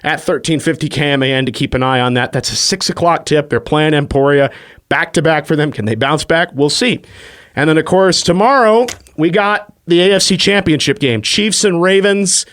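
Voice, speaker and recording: A man with a slightly higher voice hosts a sports radio show from a studio microphone. He races through rankings and game times in a breezy, rapid way, sprinkling in uh's as he goes. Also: fairly bright tone.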